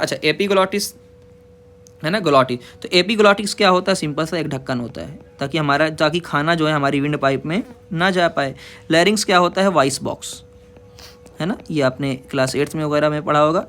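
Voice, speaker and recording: A man teaching a biology lesson, reading English lines slowly and explaining them in casual Hindi while asking and answering his own questions. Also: a little high, fairly bright tone. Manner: informal, says "yaar" and "bhai". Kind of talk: classroom lecture explaining a diagram.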